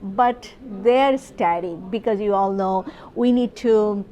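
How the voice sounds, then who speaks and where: A woman's voice: medium pitch, slow pace, dark tone. A middle-aged woman, a professor explaining her research in a conference interview, with many fillers and restarts. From Bangladesh.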